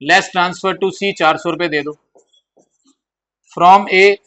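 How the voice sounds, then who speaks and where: A man's voice: sits high, fairly even intonation, slow, fairly bright tone. A man teaching accounts in a classroom lecture style, repeating key points and mixing in terms. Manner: repetitive, drills points, acts out pleading partners.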